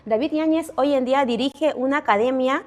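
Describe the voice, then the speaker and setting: A woman's voice: high voice, a little fast. A woman hosting a podcast interview who affirms and sums up what her guest says. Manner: affirming, summarizes the guest's words. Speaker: podcast host.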